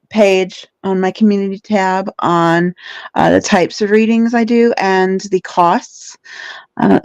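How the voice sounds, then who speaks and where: A woman's voice: on the low side, darkish tone, clear, resonant tone, no room sound, poor audio. A woman guest chatting casually, hesitant and often searching for her words. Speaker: guest who gives readings. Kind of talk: casual chat.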